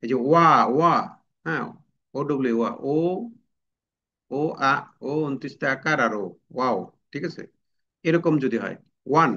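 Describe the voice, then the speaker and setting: A man with a somewhat high voice teaches an exam-prep grammar lesson. He works step by step, repeats each example and keeps asking the class questions. The recording sounds dull and lo-fi. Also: fairly bright tone.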